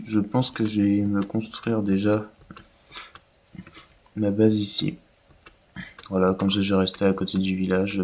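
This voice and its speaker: Low-voiced man narrating gameplay. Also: slight background noise. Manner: relaxed, rambling, many fillers. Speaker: gaming YouTuber. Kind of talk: casual gameplay commentary.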